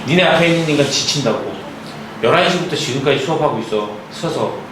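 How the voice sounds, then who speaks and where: A young male math tutor scolding and lecturing his class, his voice a little high for a man. He keeps breaking off to ask if they follow. The sound is very echoey, picked up from well across a noisy room. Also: expressive, far from the mic. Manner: scolding, lots of quick check-in questions. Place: academy classroom.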